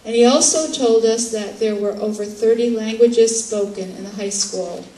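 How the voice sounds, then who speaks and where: A woman addressing a crowd at a measured pace, pausing now and then to find her words. She is recorded from a distance in a large, reverberant hall with faint background noise. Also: medium pitch, warm tone. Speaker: speaker at a rally. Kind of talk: speech to a crowd. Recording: echoey room, distant mic, faint ambient noise.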